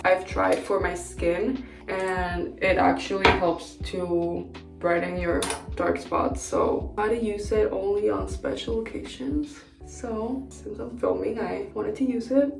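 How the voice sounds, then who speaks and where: Young woman with a gravelly, roomy voice. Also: lowish voice. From Peru. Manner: chatty and candid, frequent "like" fillers. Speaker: beauty vlogger. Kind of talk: casual chat during a makeup tutorial. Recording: roomy, distant mic with background music.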